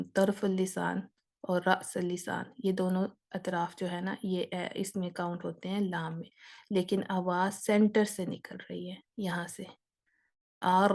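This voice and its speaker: Woman, patient recitation teacher who demonstrates sounds slowly and repeats them. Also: medium pitch, a little mellow. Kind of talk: explanatory lesson.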